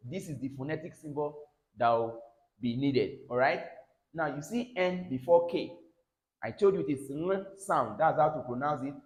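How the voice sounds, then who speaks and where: A man teaching consonant sounds for an exam, repeating each word several times and checking with "all right?". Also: a little high. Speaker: English pronunciation teacher. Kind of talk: exam-prep pronunciation lesson. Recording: echoey room.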